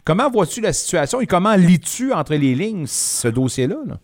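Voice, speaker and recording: A man hosting a sports talk radio show, with a punchy, lively delivery. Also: sits high, moderate pace.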